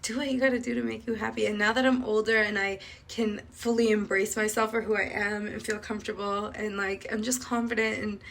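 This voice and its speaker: A woman's voice: medium pitch, level tone, fairly quick, creaky, few pauses. A young woman from Sri Lanka who grew up in Canada, chatting reflectively as a beauty vlogger while doing her make-up, full of "like" fillers. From Sri Lanka, raised in Canada.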